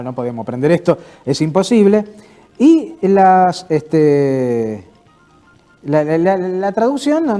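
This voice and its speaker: A man with a mellow voice on the high side hosts an informal cultural talk answering viewer questions. He plays the part of a mock announcer and is full of hesitant fillers.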